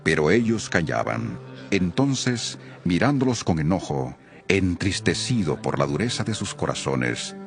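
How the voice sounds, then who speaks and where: A man narrating a Bible reading in a solemn, expressive scripted style. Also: deep voice, measured pace, gravelly, faint music behind.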